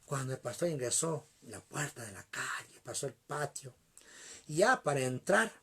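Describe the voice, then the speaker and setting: A man preaching a sermon, telling a story in an animated way and addressing the congregation directly. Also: medium pitch, normal speed, gravelly, slightly rough.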